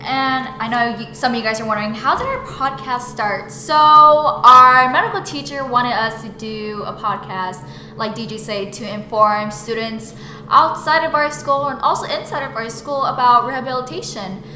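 A woman's voice: a little high, normal speed, pushed and bright. A seventeen-year-old young woman co-hosting a student podcast and chatting casually to listeners. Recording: echoey room with faint noise.

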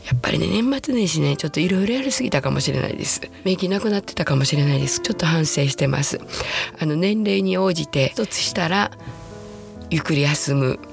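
Husky, hoarse Kansai woman in her sixties. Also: low voice, animated, soft background music. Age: 60s. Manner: chatty, self-deprecating, slows to a soft hush at times. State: hoarse from a throat cold. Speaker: podcast host. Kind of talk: casual solo podcast talk.

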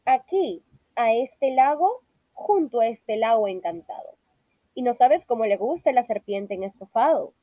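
Woman doing a sly, bragging little storybook mouse, slow and playful, a bit high. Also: expressive, warm tone, dry recording. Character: small clever boastful mouse.

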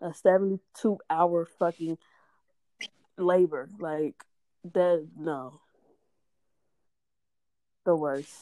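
In a dry recording, a woman with a lowish voice draws out her words and leaves long pauses. She's chatting casually, an animated storyteller who curses a lot, laughs often, and acts out what people said.

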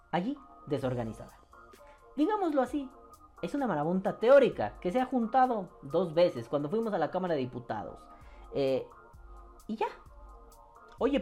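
A man with a Mexican accent hosting a podcast, reading viewer comments in casual, profane chat and jumping into high mock voices. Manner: animated, swings into high mock voices, swears freely.

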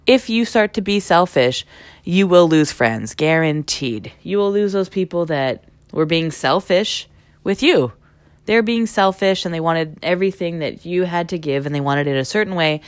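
A woman giving a casual motivational talk, blunt and animated, swearing freely and slipping into mocking voices of other people. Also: on the low side, moderate pace, dry recording.

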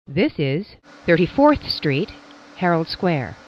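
A woman's voice: low voice, big pitch swings, slow pace, slight background noise. A woman announcing stops in scripted train messages, with names and phrases pieced together from separate recordings. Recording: dull, band-limited recording.

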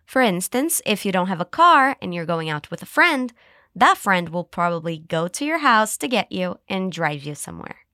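Lively woman podcast English teacher. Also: fairly low pitch, no echo, studio quality. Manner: cheerful, slow model phrases to repeat. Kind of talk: scripted language lesson.

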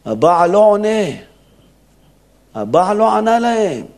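A man's voice: high-pitched, sing-song, darkish tone. A man, a rabbi, giving an emphatic Torah sermon in a synagogue, acting out the quotes as he preaches. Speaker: rabbi giving a weekly lesson.

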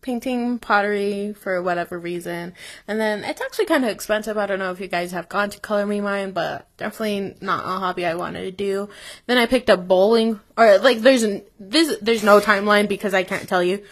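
A woman's voice: mid-range voice, a little fast. A young woman co-hosting a casual podcast chat, laughing often, swearing casually and trailing off with fillers. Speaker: podcast co-host.

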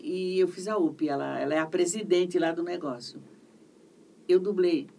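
A middle-aged woman with a Brazilian accent, a voice actress chatting in an interview, telling stories in an animated way and repeating herself for emphasis. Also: lowish voice, moderate pace, creaky. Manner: animated, repetitive storytelling. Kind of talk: casual interview chat. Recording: distant mic, faint background noise.

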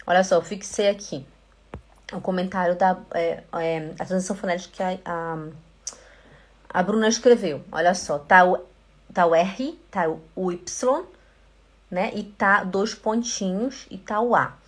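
With a Brazilian Portuguese accent, this German teacher holds a live online lesson, drilling pronunciation through slow repetition and reading viewer comments aloud. Her voice is on the low side.

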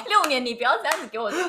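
A woman hosting a podcast, interviewing casually in a teasing, animated way. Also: high-pitched.

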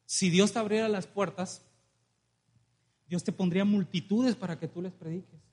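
A man preaching an animated sermon in a church, calling on the congregation and acting out stories. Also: high voice, normal speed. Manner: animated, calls congregation to respond, acts out dialogue. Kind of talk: lively sermon with storytelling.

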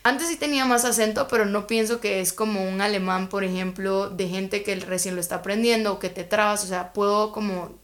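A woman's voice: medium pitch, fairly even intonation, a little fast, few pauses. A young woman from Guatemala, a podcast guest telling stories in a rambling, chatty way full of filler words. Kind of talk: casual interview chat.

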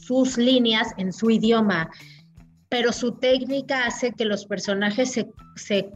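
A woman, co-hosting a casual film review chat, animated and full of restarts. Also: fairly high pitch, slow pace, dull audio, soft background music. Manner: animated, talks through restarts and fillers. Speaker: film podcast co-host.

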